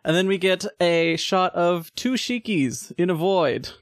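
A man's voice: sits high, animated, measured pace, no room sound, studio quality. A man in casual podcast chat, recapping a film scene by scene, laughing often and rambling with fillers. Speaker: podcast co-host.

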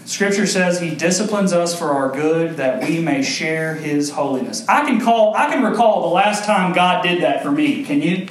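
A man's voice: fairly high pitch, lively intonation, moderate pace, hardly any pauses, a little hiss or hum. A young man preaching a sermon, speaking directly to his congregation and building in intensity. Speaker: pastor. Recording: echoey hall, mic far off.

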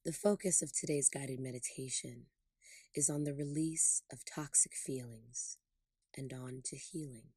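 Guiding listeners through meditation, this podcast host speaks in a low, breathy and mellow voice, keeping her phrases brief, deliberate and calming. Her sound is close-miked and dry, without any echo or room around it.

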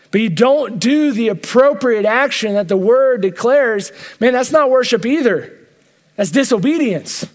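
A man preaching at a church retreat, telling a personal story and acting out the voices he quotes. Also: high voice.

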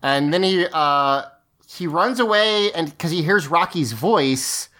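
Halting man in casual podcast chat. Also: fairly high pitch, animated, sharp tone. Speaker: podcast co-host. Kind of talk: casual chat recapping a TV episode.

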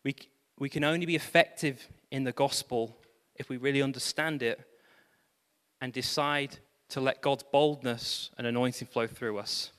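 A man pastor preaching a sermon, animated, with self-deprecating humor and exclamations of praise. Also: mid-range voice, normal speed, long reverb tail.

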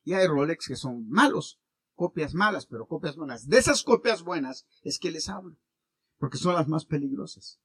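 A man preaching a sermon as pastor, animated, with wide swings between loud and quiet. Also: fairly high pitch, moderate pace, slightly rough, no room sound.

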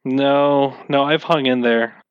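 A man talks loosely and at length about running games, with a wry, self-mocking humour. His voice sits at an ordinary middle pitch. The recording is dry and a little dull. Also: steady tone, slow, smooth, no echo. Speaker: game master being interviewed. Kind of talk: casual interview answers.

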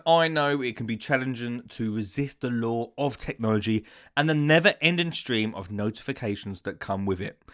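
A man's voice: mid-range voice, a bit bright. A man hosting a gardening podcast, talking in an upbeat, chatty way with scattered ums. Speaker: podcast host, gardening educator. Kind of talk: casual podcast chat.

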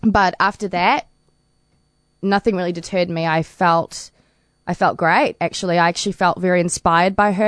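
Chatty New woman, low voice. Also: clean tone, no room sound, clean studio sound. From New Zealand. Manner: chatty, laughs often. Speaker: interview guest, para swimmer. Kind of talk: casual interview answers.

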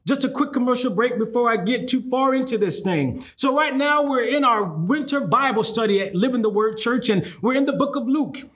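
A man's voice: very high-pitched, expressive, normal speed, hardly any pauses, fairly bright tone. A middle-aged man preaching a sermon as a pastor, using rhetorical questions and repeated refrains. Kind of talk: sermon preached to an online congregation.

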